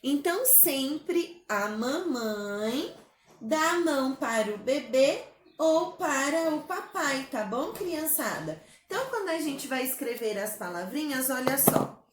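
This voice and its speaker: A woman with a Brazilian Portuguese accent teaches a spelling rule to small children. She speaks very slowly, in a rather high, sing-song voice full of little diminutives. Her voice rings in an echoey room. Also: animated, a little hiss or hum. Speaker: primary school teacher.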